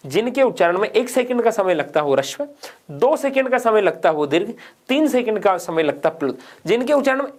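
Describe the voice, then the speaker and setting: A man teaching a grammar lesson for exam students, asking questions and answering them himself and repeating key points. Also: sits high. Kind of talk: exam-prep grammar lecture.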